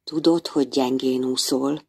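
A woman's voice: a bass voice, steady tone, darkish tone, husky, pitched below the performer's own voice, full character voice. A woman voicing an anxious, overprotective father clownfish in a storybook reading. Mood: worried. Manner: worried, pleading, calling out.

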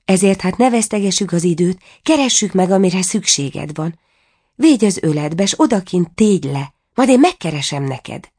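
A woman voicing a wise, kindly female goose who calmly reassures in a storybook reading. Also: lowish voice, slightly rough, voice pushed up. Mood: reassuring. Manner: calm, reassuring.

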